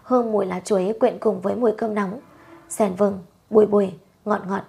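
A woman narrating a story, reading in a steady, measured way. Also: mid-range voice, vocal fry, breathy edge.

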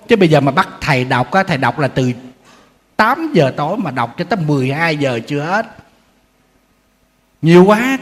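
Male monk preaching; lively anecdotal delivery, slightly high-pitched, recorded with long reverb in a temple hall. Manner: storytelling, animated, acting out quotes with humor. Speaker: Buddhist monk giving a dharma talk. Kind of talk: sermon.

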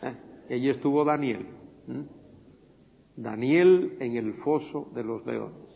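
A man teaches scripture in an unhurried, deliberate preaching style. He repeats phrases for emphasis, asks his listeners rhetorical questions and acts out the quoted lines with a raised voice. The recording is dull and lo-fi, with a long echo from a large hall. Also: mid-range voice, gravelly. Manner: dramatic retelling, acts out the quoted speech in a raised voice. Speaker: Bible teacher. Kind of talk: sermon-style Bible study.

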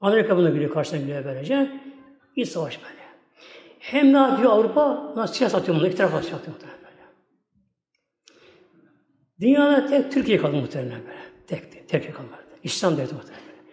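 High-voiced male preacher in an echoey hall. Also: sing-song, rapid-fire, long pauses, a little mellow. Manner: keeps repeating "my esteemed ones" and "like this"; folksy, rambling storyteller. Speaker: Islamic preacher. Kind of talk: religious talk with storytelling. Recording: echoey hall with long reverb, faint music.

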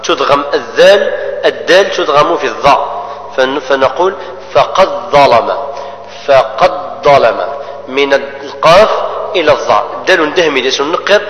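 A man teaches Quran recitation rules, explaining each rule and then chanting the verse slowly as an example. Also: mid-range voice, expressive, fairly bright tone. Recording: echoey hall with long reverb.

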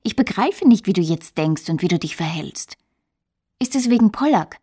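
A passionate young woman in her twenties in a radio play. Her voice is mellow and breathy, and she talks in an earnest, intimate, pleading way. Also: lowish voice, animated, moderate pace. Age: 20s. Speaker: radio drama actress.

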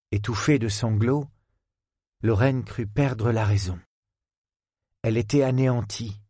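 A man narrating a thriller audiobook in a steady, measured way, close to the microphone. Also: lowish voice, dry recording. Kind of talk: scripted narration of a thriller novel.

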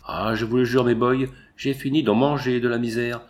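A man voicing a ragged, drunken gold miner who shouts boasts of his strike. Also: medium pitch, steady tone, moderate pace, natural voice. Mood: triumphant.

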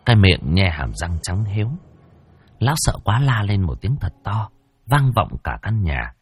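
A man's voice: deep voice, very animated, moderate pace, husky. A man narrating a ghost story dramatically.

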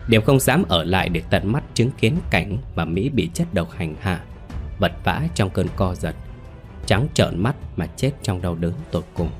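A man narrating a scripted ghost story in a steady storytelling manner with dramatic asides. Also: deep voice. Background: faint background music.

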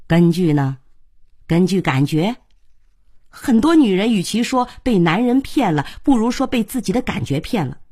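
A woman reading the part of a stern middle-aged mother who lectures her daughter at length in a slightly husky, lively voice. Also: mid-range voice, normal speed. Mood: scornful. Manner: lecturing, sharp, talks on and on. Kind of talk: audiobook character reading.

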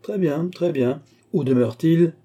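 A harsh, sneering magistrate barks his orders from the bench, as a man reading a storybook puts him on. The voice is pushed high and loud, with a dark, husky grain underneath. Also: a little slow. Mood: harsh, shouting. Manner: sneering, barking. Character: harsh bullying male police magistrate.

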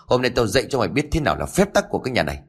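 A man voicing an angry older stepfather who scolds forcefully. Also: medium pitch, huge pitch swings, very fast, breathy edge. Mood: furious scolding.

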